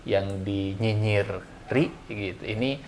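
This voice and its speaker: A man's voice: fairly low pitch, steady tone, slow, a little mellow, slight background noise. A man, an ustadz giving a casual religious talk, chatty and full of fillers. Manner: chatty, laughs often, many fillers. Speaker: ustadz speaker.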